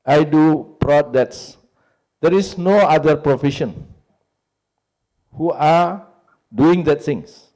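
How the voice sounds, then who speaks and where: A man with an Indonesian accent talks in unscripted English, his second language, with a warm and relaxed tone. He stops often to find words and fills the gaps with "uh". He sets out his points one at a time and leans on each one. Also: fairly high pitch. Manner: halting, searching for English words with many fillers. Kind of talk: unscripted talk on a panel.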